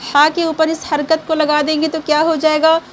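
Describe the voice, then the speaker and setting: A young adult woman giving an online reading lesson. She talks patiently, checks in often with short confirmations, and sounds out each syllable slowly and clearly. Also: high voice, completely flat delivery, a little hiss or hum. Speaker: Quran reading teacher.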